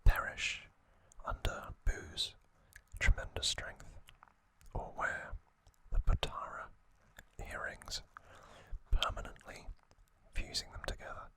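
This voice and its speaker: Hosting an ASMR trivia session, this man keeps his voice to a breathy hush, delivering brief phrases at a slow, deliberate pace.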